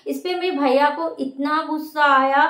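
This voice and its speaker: A woman vlogger telling a family story in a casual, rambling way, with many pauses and restarts. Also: sits high, fairly even intonation, fairly bright tone. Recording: echoey room.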